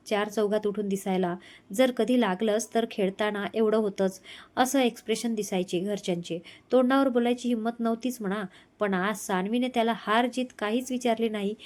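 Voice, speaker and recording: A woman storyteller narrating a romantic story in a steady, expressive reading. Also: fairly high pitch.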